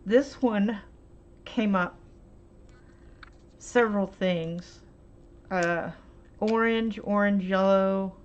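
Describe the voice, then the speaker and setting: A woman chatting her way through a paint swatching demo at home, rambling and hesitant with lots of ums. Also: medium pitch. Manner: rambling, hesitant, fills pauses with um and uh. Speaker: art vlogger. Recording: dull lo-fi home recording, faint hiss.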